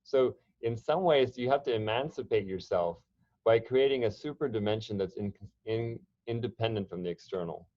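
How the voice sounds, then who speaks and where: A man's voice: lowish voice, normal speed, mellow, dry recording, lo-fi sound. A man presenting an online workshop, talking conversationally with frequent restarts and fillers. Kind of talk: online training talk.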